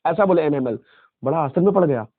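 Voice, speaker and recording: A man's voice: a little high, expressive, husky, no echo. Man teaching over tinny, phone-like audio. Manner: reads English lines slowly, then explains them in Hindi, repeating phrases; calls students "beta" and "friends". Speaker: English teacher. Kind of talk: line-by-line lesson explanation.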